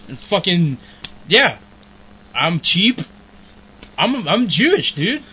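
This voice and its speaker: A man's voice: high-pitched, sing-song, slow pace. A young man co-hosting a podcast in crude, profane casual chat, rambling and laughing often. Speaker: podcast co-host. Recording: muffled lo-fi with faint noise.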